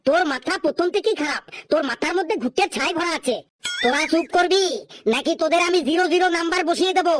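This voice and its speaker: A woman's voice: very high voice, fast, slight background noise. A woman voicing a strict, sarcastic male schoolteacher in a cartoon. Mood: angry. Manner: scolding, sarcastic. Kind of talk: cartoon voice acting.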